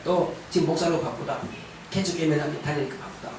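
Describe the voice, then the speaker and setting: A man's voice: on the high side, normal speed, background noise. A middle-aged man preaching a sermon as pastor, emphatic and calling for responses from the congregation. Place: church sanctuary. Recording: very echoey church hall, distant mic.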